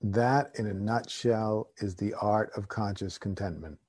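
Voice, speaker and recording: A man guiding a meditation in a slow, calm, soothing way, with long pauses between phrases. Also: fairly low pitch, breathy edge, dry recording. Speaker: meditation teacher. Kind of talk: guided meditation.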